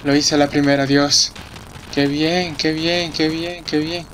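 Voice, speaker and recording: A young man giving excitable, swear-filled commentary while playing a racing game. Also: on the high side, measured pace, slight background noise. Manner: excitable, swears a lot, reacts loudly to the race. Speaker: let's play gamer. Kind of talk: live gameplay commentary. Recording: game music behind the voice. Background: racing game music and sound effects.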